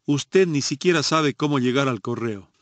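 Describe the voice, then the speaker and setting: A man's voice: medium pitch, expressive, normal speed, no room sound, lightly acted. A man reading as a cheeky boy. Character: a boy refusing an invitation, cheeky.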